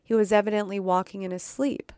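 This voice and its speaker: A woman's voice: mid-range voice, little pitch movement, fast talker, darkish tone, smooth, no room sound, clean studio sound. A woman podcast host reading a true story aloud, dramatic, with occasional stumbles and asides.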